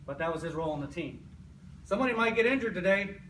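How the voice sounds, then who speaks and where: A man's voice: high-pitched, lively intonation, fast, fairly bright tone. An American man, an army sergeant, giving a motivational pre-game speech in an emphatic, repetitive way, often checking in with "right?". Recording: echoey, noisy room, distant mic.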